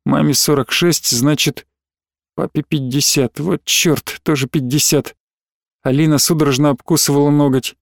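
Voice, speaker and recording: A man reading a novel aloud as an audiobook narrator in measured, even storytelling. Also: on the high side, dry recording, studio quality. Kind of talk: scripted narration.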